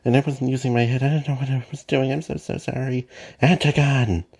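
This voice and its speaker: A man's voice: mid-range voice, flat delivery, fast, creaky, dark tone, breathy edge, voice pushed up. A man voicing a young male villain who pleads and apologizes in a self-pitying way. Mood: remorseful.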